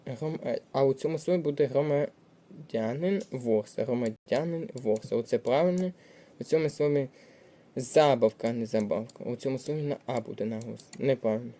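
Guy walking thru test answers, super dark mellow voice, lots of "uh" pauses, steady teacher tone. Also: mid-range voice. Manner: plain, methodical, with frequent hesitations. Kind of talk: test walkthrough lesson.

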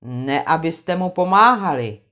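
Fairy-tale reading: woman playing a commanding mountain spirit, lower and louder than her telling voice. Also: expressive. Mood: stern. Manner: stern, commanding. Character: stern mighty male mountain spirit.

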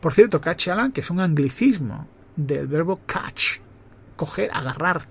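A man from Spain with a Spain Spanish accent, hosting a podcast and telling personal stories from memory in a relaxed, conversational way, often correcting himself as he goes. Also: on the high side, unhurried, vocal fry, husky. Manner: reminiscing, conversational, with self-corrections. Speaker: podcast host. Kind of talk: personal storytelling monologue.

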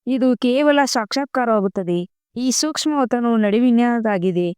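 A woman reading a devotional spiritual discourse aloud in a slow, measured recitation with emphatic pauses. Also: a little high, darkish tone, clear, resonant tone, no room sound, clean studio sound. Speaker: murli reader.

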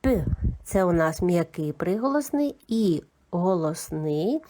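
Slow, patient woman teaching letter sounds. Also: on the low side. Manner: calm, methodical, spells out each sound. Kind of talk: slow, patient children's literacy lesson.

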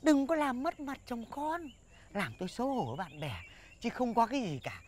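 A man's voice: extremely high pitch, sing-song, normal speed, darkish tone, slight background noise. An actor playing a fussy husband who keeps lecturing his wife to mind her manners. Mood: nagging. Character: fussy, nagging village husband. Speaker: husband in a rural village comedy. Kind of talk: comic film acting.

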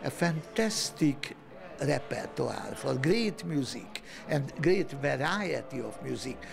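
Slow, very gravelly man, halting enthusiastic interview, music behind. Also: a little high.

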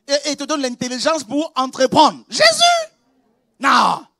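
A very high-pitched male pastor preaching with passion. He drops to a quiet, chatty confiding tone, then bursts into shouts and repeats his words. The sound is dry and close, with no room echo. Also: fairly quick. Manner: impassioned, swings from quiet confiding to shouted exclamations; conversational, with laughs and repetitions. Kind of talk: preaching a sermon.

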